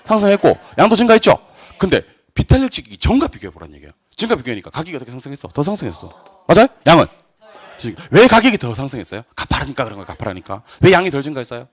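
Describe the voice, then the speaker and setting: A middle-aged man giving a classroom lecture, drilling students with quick questions and answers and joking asides. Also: fairly high pitch, very animated. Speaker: real estate exam lecturer.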